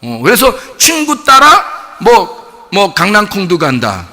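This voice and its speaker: A man preaching in a church, his voice echoing through the hall with a long tail of reverb. He sounds bright and high, and his pitch rises and falls a lot. He keeps turning to the congregation with playful questions, then answers them himself. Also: huge pitch swings, takes it slowly. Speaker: pastor. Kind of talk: sermon.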